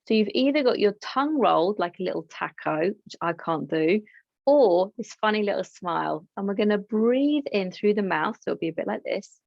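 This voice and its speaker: Gravelly-voiced woman guiding a yoga class. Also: medium pitch, lively intonation, normal speed, no echo, lo-fi sound. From England. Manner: gentle, encouraging, chatty asides. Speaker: yoga teacher. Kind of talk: guided yoga class instruction.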